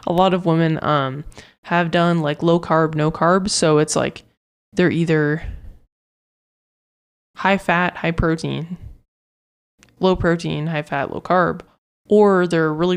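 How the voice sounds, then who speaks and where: A woman fitness coach talks through her solo podcast in a loose, rambling way, full of fillers and restarts. Her voice sits a bit low and has a gravelly, fry-tinged edge. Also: fairly even intonation, a little slow. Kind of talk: casual solo podcast talk.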